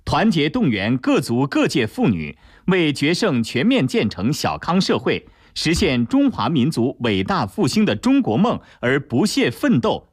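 A man's voice: on the high side, slightly rough, dry recording, clean studio sound. A man with a standard mainland Mandarin accent giving formal, solemn, declamatory scripted news narration.

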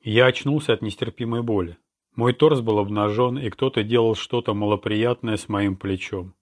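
A man reading a first-person detective audiobook in an even, measured narration. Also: on the low side, dry recording, studio quality.

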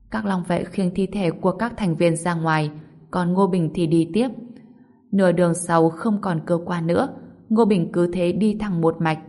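Slightly low-voiced woman narrating an audiobook. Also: warm tone. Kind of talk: scripted story narration.

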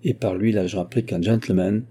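A man narrating a classic novel as an audiobook reader, in a steady, measured reading voice. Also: on the low side, slightly rough. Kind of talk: scripted narration.

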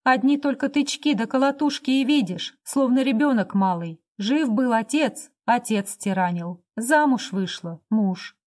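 Woman reading a worn-out wife, bitter and resigned, highish voice. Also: animated, unhurried, hardly any pauses, darkish tone. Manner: apathetic, bitter pleading.

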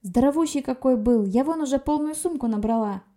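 Brief: a woman playing a cheeky young witch, high and chirpy, flippant, dark-toned. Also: fairly quick, natural voice. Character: cheeky young witch girl, potion maker, carefree.

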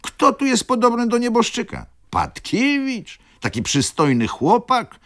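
A man's voice: low-pitched, huge pitch swings, measured pace, voice pushed up, exaggerated voice. A man voicing an insolent young male student who speaks in a sweet, mocking tone, in a radio reading. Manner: sugary, mocking.

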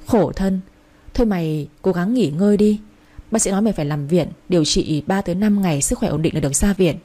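Here is a chatty young woman in a storybook romance, a loyal best friend who fusses and teases, as a narrator voices her. Her voice is mellow and warm. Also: lowish voice, brisk, lightly acted. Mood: fussing. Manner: teasing, fussing.

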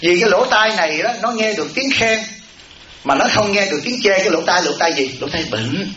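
Folksy monk preaching in an echoey hall. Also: male voice, high voice, lively intonation, brisk, pushed and bright, a little hiss or hum. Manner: folksy, acts out everyday voices, asks "right?" often. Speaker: abbot, Buddhist monk. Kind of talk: dharma talk. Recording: echoey lo-fi hall recording with audience.

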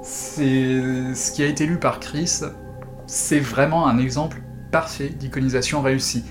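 A man's voice: mid-range voice, steady tone, measured pace, over music. A man hosting a casual, analytical discussion as a critic. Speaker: host and film critic.

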